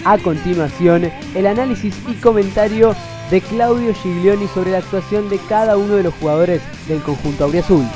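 A man reading a scripted sports news report in an even newsreader way. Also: high voice, moderate pace, music in the background. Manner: read, even newsreader delivery. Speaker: report narrator.

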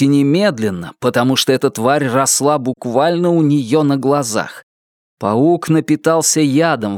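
A man reading an audiobook in a steady, dramatic storytelling manner. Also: medium pitch, no room sound, studio quality. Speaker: audiobook reader. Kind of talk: scripted narration.

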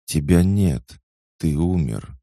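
A man with a deep, gravelly voice voicing a frightened, broken young woman, an addict who pleads through tears. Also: lively intonation, dark tone, no room sound, studio quality, heavily acted. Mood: stunned. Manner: tearful, halting pleas.

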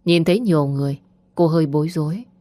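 A woman narrating an audiobook story in calm, measured scripted narration. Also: deep voice, no echo. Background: faint music.

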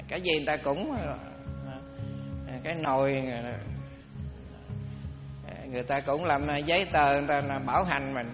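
A man's voice: fairly high pitch, bright, forceful tone. An older male Buddhist monk, giving a dharma talk in a folksy, humorous storytelling way. His voice rings with long hall reverb and faint music behind.

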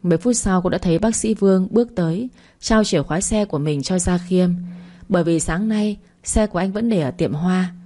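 Woman narrator, audiobook romance, low voice, warm mellow tone, calm storytelling. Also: fairly quick.

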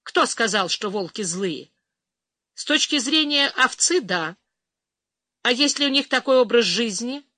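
A woman reader voicing a lonely man who lives alone in the wild, speaking tersely and calmly. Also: a little high, a little slow, pauses often, dry recording, studio quality, exaggerated voice. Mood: wry. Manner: terse, calm.

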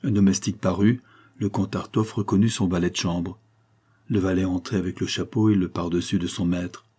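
Male audiobook narrator, low pitch, warm dark tone, measured dramatic reading. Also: fairly even intonation, breathy edge.

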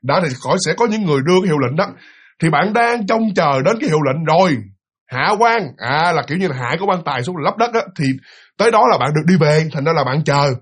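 A man casually retelling a ghost story, animated and full of fillers and repeats, acting out the voices he quotes. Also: fairly high pitch, fast talker, slightly rough.

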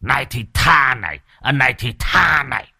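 A man's voice: mid-range voice, expressive, moderate pace, bright, forceful tone, breathy edge, voice pushed up, heavily acted. A man voicing a greedy, cruel old village chief who screams abuse at his servants. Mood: furious. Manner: screaming, abusive tirades.

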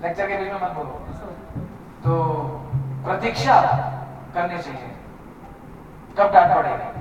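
A man's voice: high-pitched, unhurried, muffled recording, noisy background. A man giving an earnest devotional talk, telling stories and mixing in English words. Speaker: devotee speaker. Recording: distant mic, echoey hall, music behind.

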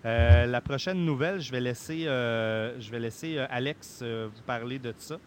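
Halting Québécois man hosting, some background noise. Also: medium pitch. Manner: halting, hesitant delivery. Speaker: podcast host. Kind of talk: casual podcast hosting.

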